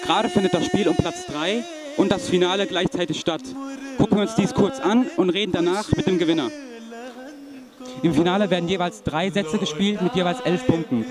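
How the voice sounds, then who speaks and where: A man's voice: sits high, expressive, fairly quick, over music. A young man reporting from a sports event in a large indoor hall, interviewing boys in a formal, announcer-like manner. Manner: formal, announcer-like, with religious greetings. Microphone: handheld mic. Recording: crowd chatter in a big hall.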